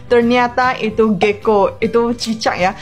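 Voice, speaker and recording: A woman's voice: a little high, fairly even intonation, unhurried, soft background music. A young woman, telling stories casually and expressively. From Malaysia. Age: young adult. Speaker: university student abroad. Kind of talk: casual storytelling.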